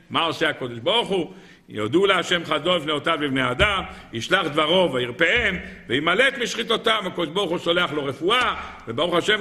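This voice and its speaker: Guy giving a sermon, high bright voice, keeps asking the crowd questions, chants the verses slow. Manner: asks the audience questions and answers them, chants verses slowly. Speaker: rabbi giving a Torah lesson. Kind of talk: sermon with scripture quotes and rhetorical questions.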